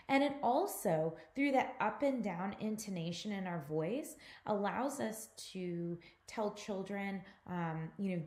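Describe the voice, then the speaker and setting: A woman's voice: medium pitch, darkish tone, roomy sound. A woman instructor delivering a recorded mini lecture, explaining patiently and speaking directly to her students. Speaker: course instructor.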